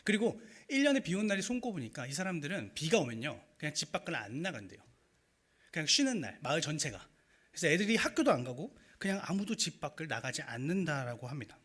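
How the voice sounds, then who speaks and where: A young male preacher telling a story in a sermon, his voice a little husky and pitched a touch high. He talks in an animated way, his pitch swinging widely. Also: quick pace. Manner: animated storytelling with acted quotes and rising emotion.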